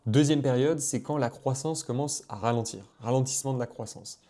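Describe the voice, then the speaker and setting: Chatty French finance vlogger, mellow voice. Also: male voice, mid-range voice, fairly quick. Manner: chatty, many fillers and restarts. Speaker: finance content creator. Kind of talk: casual explainer video.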